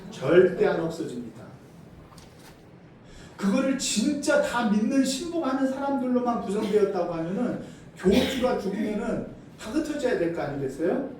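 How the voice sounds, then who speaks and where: In a reverberant church sanctuary, a South Korean senior pastor in middle age preaches with a high, mellow voice, big pitch swings, and an ordinary pace. He questions his congregation again and again, alternating forceful declarations with hushed remarks. The distant recording has faint background hiss.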